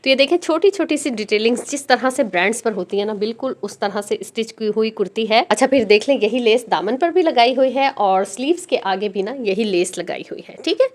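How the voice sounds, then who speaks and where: A woman hosting a stitching tutorial, chatting directly to her viewers as she walks step by step through dress design details. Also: on the high side. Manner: explains garment details step by step. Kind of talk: casual dress design walkthrough.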